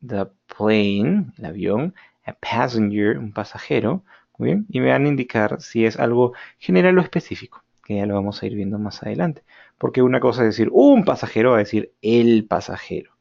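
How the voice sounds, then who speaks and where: A male English teacher explaining grammar and pronunciation in a recorded lesson, switching between Spanish and English, slowing down to model words and often checking in with "ok?". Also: medium pitch, expressive, gravelly, darkish tone. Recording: dull lo-fi recording.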